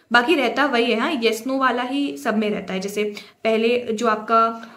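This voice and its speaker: A woman teaching a grammar lesson in Hindi, reading example sentences slowly and explaining them. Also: fairly high pitch, a bit bright. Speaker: English teacher.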